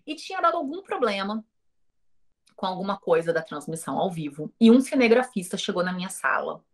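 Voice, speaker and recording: A woman's voice: mid-range voice, sing-song, a little fast. A Brazilian woman teaching an online course. She talks straight to her viewers, with rhetorical questions and quoted dialogue from her own stories. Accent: Brazilian Portuguese. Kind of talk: informal recorded lesson.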